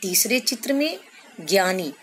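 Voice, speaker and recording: A woman teacher explaining a lesson slowly to children, stretching out sounds and examples. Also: mid-range voice, sing-song, a little hiss or hum. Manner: slow, explanatory, addresses children, drawn-out syllables. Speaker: school teacher. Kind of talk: recorded classroom lesson.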